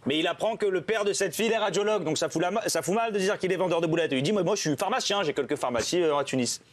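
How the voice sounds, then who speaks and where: Delivering stand-up jokes at a quick pace, a young comedian with a strikingly high voice performs all the characters' lines on his own. He jumps his pitch higher or lower for each character as the story unfolds.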